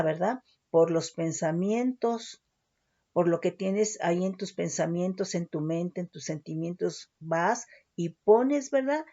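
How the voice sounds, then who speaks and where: Slow, mellow-voiced woman teaching scripture. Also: fairly low pitch. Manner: keeps asking ¿verdad? and ¿sí?. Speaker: Bible teacher. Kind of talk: slow Bible teaching with word studies. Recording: dull lo-fi recording.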